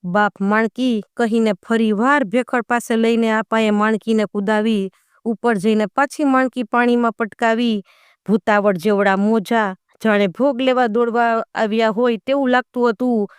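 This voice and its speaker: A woman narrating a folk tale with dramatic delivery, slowing and lingering on the tense moments. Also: a little high, fairly even intonation, clear, resonant tone, no echo, clean studio sound. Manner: slows and lingers on dramatic lines. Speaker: storyteller.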